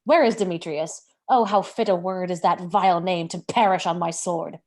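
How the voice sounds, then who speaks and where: A woman's voice: on the low side, normal speed, darkish tone. A woman reading the part of an ardent young male lover in an amateur Shakespeare read-through. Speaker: amateur reader in an online play reading.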